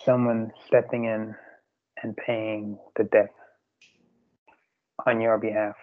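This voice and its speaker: A man with an Irish accent, a podcast guest speaking haltingly with many fillers in a casual theological discussion over an internet call. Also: on the low side, flat delivery, no room sound. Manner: halting, frequent fillers and restarts. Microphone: video call. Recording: tinny internet call line.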